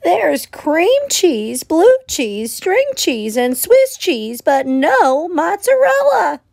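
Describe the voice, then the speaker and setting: A woman voicing a bright, fussy little female hen in a read-aloud storybook, calling out in a high, emphatic voice. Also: sing-song, slow, vocal fry, full character voice. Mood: chirpy, asking.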